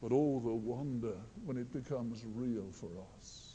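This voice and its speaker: A man preaching a sermon in a slow, earnest way, quoting scripture often. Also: medium pitch, steady tone, mellow, lo-fi sound, slight background noise. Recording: long hall reverb.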